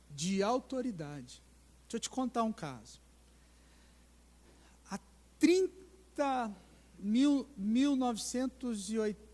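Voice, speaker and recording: A middle-aged male pastor preaching a sermon, telling stories animatedly and putting questions to the congregation. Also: high-pitched. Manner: animated storytelling with acted voices and questions to the congregation. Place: church sanctuary. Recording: long church-hall reverb.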